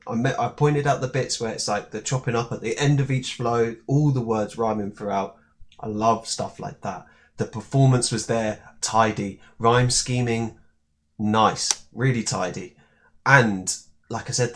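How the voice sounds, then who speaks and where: A young man giving casual reaction commentary on a song, relaxed and rambling, with many fillers. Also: mid-range voice. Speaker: music reaction YouTuber.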